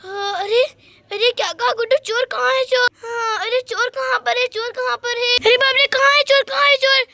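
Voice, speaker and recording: A woman's voice: extremely high pitch, fairly even intonation, moderate pace, sharp tone, slight background noise, voice pushed up, exaggerated voice. A woman voicing an alarmed mother in a doll story, exclaiming urgently. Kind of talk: doll story role-play.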